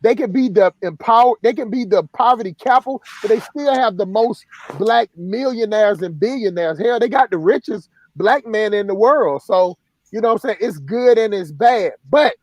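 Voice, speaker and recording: A man's voice: sits high, expressive, moderate pace, dry recording. A man hosting a casual live stream, rambling with many restarts. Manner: rambling, many restarts and "you know what I'm saying".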